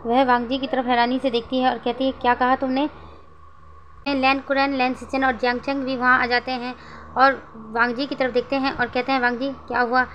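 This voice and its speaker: High-voiced woman narrating a story. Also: level tone, a little fast, muffled recording, a little hiss or hum. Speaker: fan fiction narrator.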